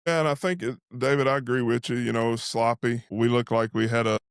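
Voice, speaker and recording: A man's voice: medium pitch, steady tone, brisk, clean tone, no room sound, studio quality. A man giving casual halftime football commentary as a host who talks like an invested fan of the team. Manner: speaks as an invested fan, saying "we". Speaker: sports show host and analyst.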